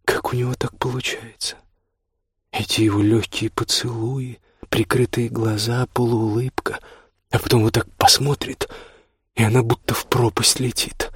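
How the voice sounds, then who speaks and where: A man narrating an audiobook in a slow, soft, intimate manner. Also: mid-range voice, flat delivery, slightly rough, dry recording, studio quality. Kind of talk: scripted narration.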